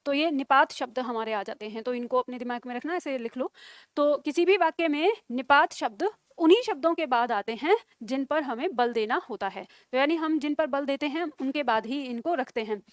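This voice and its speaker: A woman teacher giving a grammar lesson, dictating example sentences slowly word by word and often checking whether her class has understood. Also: sits high, no echo, studio quality. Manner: slow dictation with repeated words, checking questions.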